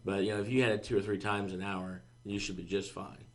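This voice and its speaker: Male co-host, low and flat-toned, easygoing advice giver. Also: fast talker. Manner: steady, easygoing advice with fillers. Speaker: podcast co-host, marketing staff. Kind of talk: casual business podcast chat.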